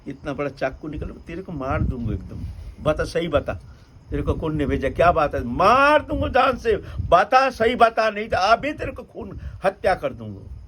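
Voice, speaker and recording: A man voicing a rough-tempered villager who threatens someone with a knife, in menacing, shouted lines. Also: on the high side, normal speed, slight background noise, close to an everyday voice.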